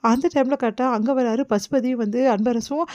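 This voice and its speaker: A woman retelling a TV serial episode in a rapid, filler-laden way, slipping into the characters' lines. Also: a little high, a little mellow, no room sound. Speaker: serial recap narrator. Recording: slightly dull, dry recording.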